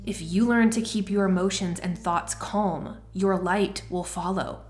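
A woman voicing a wise, stern female mentor in a storybook reading, speaking in a calm, firm, measured way. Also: mid-range voice, soft background music, natural voice.

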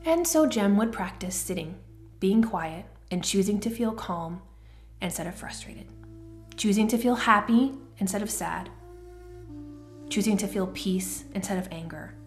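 A woman narrating a children's storybook in a gentle, even-paced reading. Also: medium pitch, unhurried, soft background music.

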